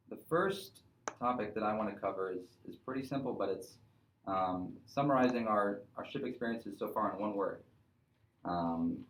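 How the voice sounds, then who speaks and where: A young man in his twenties hosts a casual student podcast, talking in a measured, halting way with many fillers. His voice sits low. It echoes around the room. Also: a little hiss or hum. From North Carolina, USA. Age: 20s. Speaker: podcast host.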